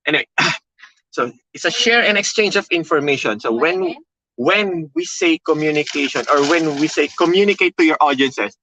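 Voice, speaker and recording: A man with a Filipino accent coaches content creation in a motivational webinar, speaking loudly and emphatically with high energy. He repeats key phrases and checks in frequently with "okay" and "all right." His delivery is sing-song at a normal speed, and the rough recording carries a little hiss or hum.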